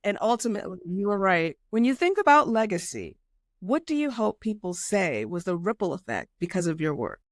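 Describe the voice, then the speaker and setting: A woman's voice: medium pitch, very animated, a little fast, no echo, clean studio sound. A woman hosting a podcast interview, encouraging her guest with short affirmations and reflective questions. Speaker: podcast host. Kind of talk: conversational interview.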